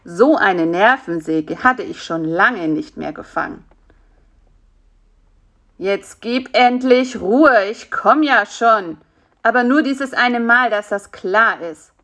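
A woman's voice: fairly low pitch, animated, a little slow, few pauses, a bit bright, heavily acted. A woman voicing a grumpy, lazy male spider in a storybook reading, grumbling and dismissive. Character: grumpy, lazy male spider who wants his nap.

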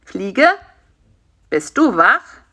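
A woman voicing an excitable, kind-hearted male spider who talks in a lively, brash way. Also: mid-range voice, normal speed. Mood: teasing.

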